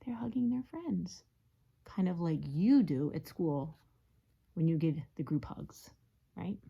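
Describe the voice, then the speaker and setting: A teacher reading a picture book aloud to young children, pausing to ask them questions and often dropping into a soft whisper. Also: female voice, lowish voice, animated, gravelly, husky, muffled recording. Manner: gentle, asks listeners questions, drops to whispers. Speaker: teacher reading to her class.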